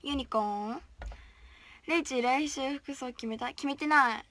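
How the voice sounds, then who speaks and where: A young woman talks casually to her viewers, reading their comments aloud and answering in a playful, chatty way. Her voice sits high and sounds bright and sharp. She often drops into a soft whisper as she reads. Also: a little slow, dry recording. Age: young, still a student. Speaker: idol livestreamer.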